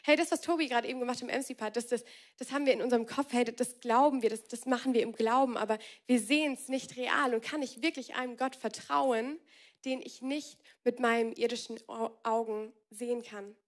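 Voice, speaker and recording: A young adult woman preaching a casual youth sermon, colloquial and energetic, with frequent restarts. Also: a little high, fairly quick.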